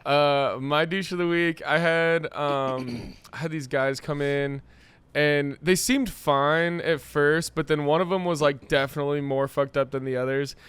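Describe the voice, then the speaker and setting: A man's voice: a little high, fairly even intonation, measured pace, a bit bright, clear, resonant tone. A man hosting a casual podcast chat, loose and chatty with frequent fillers and laughter. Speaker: podcast host and bartender.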